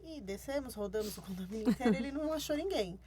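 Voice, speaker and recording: A Brazilian woman shares a story about her child on a podcast, talking quickly and with animation. Her voice sits a little high for a woman. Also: a loud crowd. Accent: Brazilian Portuguese. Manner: animated anecdote-telling. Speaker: podcast co-host, mother. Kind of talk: casual storytelling.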